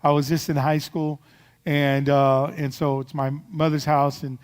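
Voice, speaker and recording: A man's voice: a little high, level tone, a little slow, clear, resonant tone, long reverb tail. A man preaching a sermon as pastor, telling a story in a loose, rambling way with many fillers and restarts.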